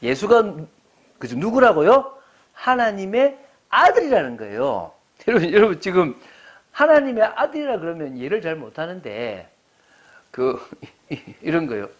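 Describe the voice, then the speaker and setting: Lively pastor preaching, full of questions. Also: male voice, high voice, normal speed. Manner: asks the congregation many rhetorical questions; conversational, explanatory preaching. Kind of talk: sermon. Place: church service.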